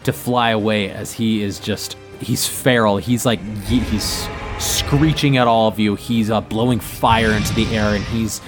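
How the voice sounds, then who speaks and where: A man's voice: lowish voice, steady tone, measured pace, hardly any pauses. Man game master narrating over faint music. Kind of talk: improvised tabletop game narration.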